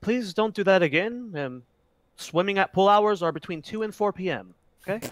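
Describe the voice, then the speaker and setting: Man as a male elf pool keeper, stoic, politely fed up, slightly high voice, fantasy tabletop game. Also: expressive, moderate pace. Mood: politely annoyed. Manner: polite, exasperated, restrained. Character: stoic, mildly annoyed male elf tending a sacred pool.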